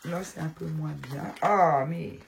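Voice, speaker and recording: A woman who hosts a tarot channel speaks slowly in a low, gravelly voice roughened by a cold, with background noise behind her. At home, she chats casually with viewers in a show-and-tell, fond and gushing over her items.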